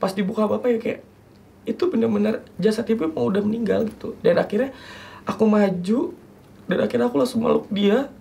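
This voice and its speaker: A young man, a talk show guest, telling a personal story in a halting, earnest way and acting out remembered dialogue. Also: high voice, gravelly, warm tone, a little hiss or hum.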